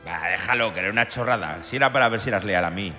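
A man's voice: fairly low pitch, rapid-fire, pushed and bright, faint music behind. A man playing God as a casual, offhand figure, heard from far away over a patchy connection that keeps breaking up. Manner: offhand, impatient, colloquial. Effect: distant voice over a patchy, breaking-up connection. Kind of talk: comedy sketch acting.

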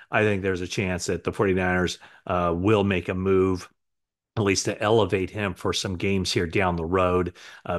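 A middle-aged man with a notably low voice talks straight to a webcam from a living room. He recaps sports news in a loose, conversational way, with frequent fillers and quick self-corrections. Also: a bit bright. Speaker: sports reporter. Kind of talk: recap to camera. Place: living room with sofa, indoors.

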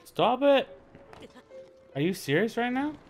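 A man streaming a game live, reacting loudly, swearing often and mocking himself as he plays. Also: very high voice, measured pace, faint music behind. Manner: excitable, swears a lot, mocks himself. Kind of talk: live gameplay commentary.

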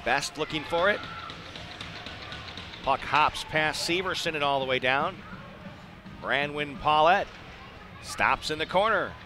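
Over music, a man with a fairly high voice offers live hockey play-by-play from an indoor ice arena, speaking slowly and pausing often. His radio-style commentary is clipped, broken up by chatty asides.

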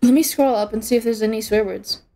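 A woman's voice: fairly high pitch, fast, mellow. A young woman streaming a game, chatting casually and giggling as she reacts to the match and her chat.

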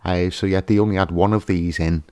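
A man's voice: deep voice, steady tone, a little fast, darkish tone, clean tone, no room sound. A man hosting a fishkeeping channel, giving a casual, hesitant voice-over with lots of fillers and restarts.

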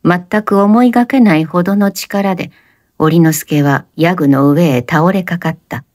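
A woman narrating a literary story in a measured, composed, expressive audiobook reading. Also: lowish voice, dry recording, studio quality.

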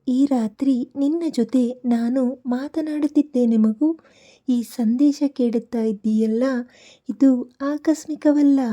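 Slow, soothing high-voiced woman. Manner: gentle, soothing, addresses the listener tenderly as a child. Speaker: devotional message narrator. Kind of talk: soft devotional night-time message.

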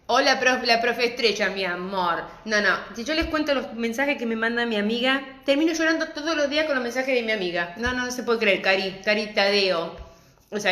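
A middle-aged woman with an Argentine accent, teaching a live-stream craft class and greeting viewers warmly and chattily. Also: a little high. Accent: Argentine Spanish. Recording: echoey room.

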